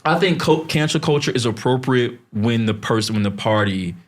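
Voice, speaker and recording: A man's voice: medium pitch, lively intonation, moderate pace. A man hosting a podcast in a studio, chatting casually and teasing his co-hosts, with frequent fillers. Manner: laid-back, teasing, trails off with fillers. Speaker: podcast host. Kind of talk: casual chat.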